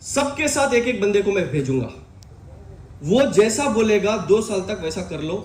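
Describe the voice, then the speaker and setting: A man giving an energetic live motivational seminar talk, shouting questions out to his audience in a large hall. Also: sits high, normal speed. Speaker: motivational speaker. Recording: echoey hall with crowd.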